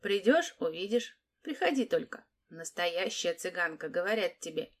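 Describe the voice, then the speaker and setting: A brash, sly teenage girl in a storybook tale, put on by a woman reader, rattling off mocking, coaxing patter in a raised voice. The lines sit a little higher and louder than the reader's own low-ish tone. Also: sing-song, normal speed. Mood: teasing.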